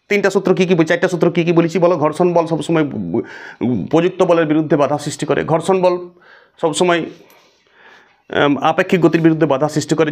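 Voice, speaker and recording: A man teaching a physics lesson, asking the class questions and answering them himself. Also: a little high. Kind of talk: classroom lecture.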